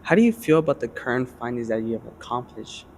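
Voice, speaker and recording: A woman's voice: very deep voice, big pitch swings, fast, darkish tone, a little hiss or hum. A woman interviewer asking questions in a casual interview, encouraging, with brief reactions.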